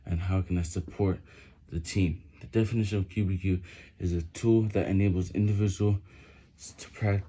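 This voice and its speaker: Deep, dark-voiced man reading during push-ups. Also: fairly even intonation, normal speed, slightly rough. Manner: stumbling reading, often repeating words. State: physically exerting, reading while doing push-ups. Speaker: vlogger reading on camera. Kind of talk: reading a book aloud.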